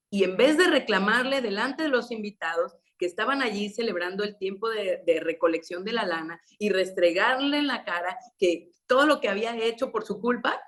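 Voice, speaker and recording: Mexican woman preaching conversationally. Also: medium pitch. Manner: conversational, storytelling with rhetorical questions. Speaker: women's meeting preacher. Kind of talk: sermon.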